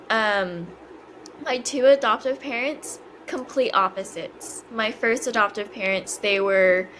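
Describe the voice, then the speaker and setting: A woman's voice: mid-range voice, a bit bright, slight background noise, poor audio. A woman in her twenties, a podcast guest, talking hesitantly with many fillers and restarts. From China. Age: 20s. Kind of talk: casual interview conversation.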